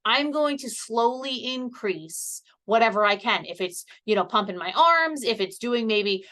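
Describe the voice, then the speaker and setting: A woman's voice: a little high, lively intonation, measured pace, pushed and bright. A woman giving a casual, chatty health presentation from a seated position, explaining things step by step. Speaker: health educator. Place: seated indoors.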